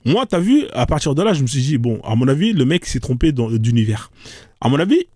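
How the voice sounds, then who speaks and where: A man's voice: mid-range voice, very animated, brisk, a little mellow, dry recording, studio quality. A man hosting a live stream, talking in a sarcastic, rambling monologue full of "hein" and "euh" fillers.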